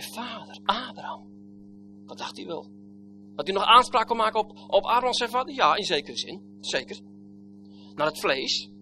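Sitting high in pitch, a man preaches a sermon full of old-fashioned biblical wording. He swings between loud exclamations and hushed lines that are nearly whispered.

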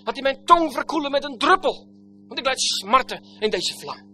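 Man acting out a suffering rich man crying for mercy, high and bright, lively swoops. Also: normal speed, soft background music, heavily acted. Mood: desperate pleading. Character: tormented rich man pleading from hell.

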